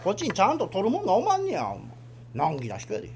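A man's voice: high-pitched, huge pitch swings, very fast, background noise. A man voicing a fussy, middle-aged candy-stall man with a Kansai accent and a merchant's polite whine in rakugo storytelling. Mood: complaining.

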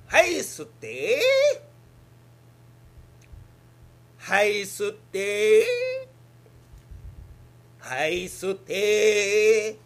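A teasing elderly doctor with a Kansai accent and old-fashioned speech, played by a man. His voice sits high and swings widely as he booms orders at the patient. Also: big pitch swings, brisk, fairly bright tone, exaggerated voice. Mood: commanding.

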